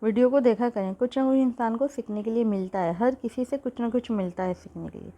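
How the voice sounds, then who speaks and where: Woman host, mellow tone, chatty home-kitchen cooking tutorial, recorded on a phone. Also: a little high, brisk. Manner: chatty, repeats "theek hai" often. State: sore throat, coughing.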